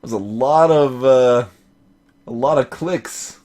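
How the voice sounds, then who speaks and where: Speaking slowly in a mid-range, darkish voice, this streamer offers let's play commentary on a video game. His rambling, dry humor mixes with dialogue he reads aloud, and there's no background noise in the recording.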